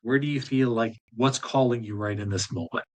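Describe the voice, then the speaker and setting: A man leading a live group coaching session in a blunt, fired-up way. He talks straight at his listeners and swears casually, with a voice of middling pitch. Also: fairly quick, a little mellow. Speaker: business coach.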